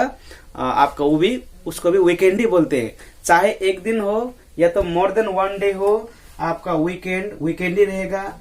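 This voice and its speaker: A man teaching an English lesson in Hindi, drilling words by repeating them and quizzing his listeners. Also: sits high. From India. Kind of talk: classroom-style language lesson.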